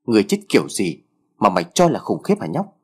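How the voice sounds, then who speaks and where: A man's voice: on the low side, wildly swooping pitch, a little fast, vocal fry, darkish tone, breathy edge, exaggerated voice. Quang Sổm, a man doing a lazy teasing boy. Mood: grumbling, teasing. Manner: grumbling and teasing. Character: sluggish sleepy teenage boy, teasing.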